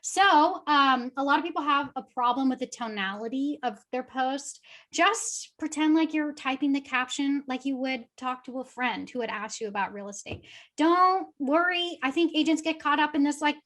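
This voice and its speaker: A woman's voice: high-pitched, normal speed, fairly bright tone. A young adult woman, a guest social media coach, giving upbeat, chatty webinar advice with lots of fillers.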